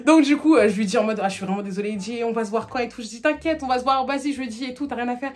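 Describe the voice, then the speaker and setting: Fast-talking young woman telling a story. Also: fairly high pitch. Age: 20s. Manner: chatty, rapid, full of fillers and acted quotes. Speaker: storytime vlogger. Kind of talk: casual storytelling to camera.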